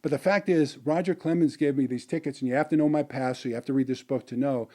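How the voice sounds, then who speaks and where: A man's voice: medium pitch, steady tone, fast talker, mellow. A middle-aged man, a motivational business speaker, telling a personal story in a rambling way, with many fillers and restarts.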